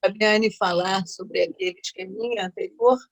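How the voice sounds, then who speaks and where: A woman professor speaks at an academic conference over a video call, at a medium pitch with a noticeably gravelly, creaky tone. She talks calmly but somewhat hesitantly, restarting phrases. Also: moderate pace, low-quality recording.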